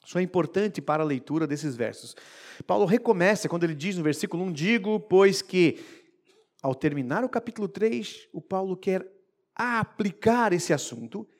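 A male preacher giving an expressive sermon, moving between hushed and emphatic delivery. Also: high-pitched, fairly quick.

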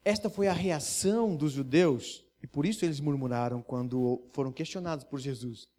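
A man preaching a sermon, acting out quoted voices and swinging from hushed asides to loud, emphatic lines. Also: fairly high pitch, normal speed. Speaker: pastor.

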